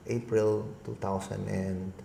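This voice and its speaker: A man's voice: on the low side, little pitch movement, slow, vocal fry, warm tone, roomy sound, a little hiss or hum. A middle-aged man, a guest being interviewed, telling a long personal story in a polite, rambling way with many restarts. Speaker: guest, agribusiness consultant.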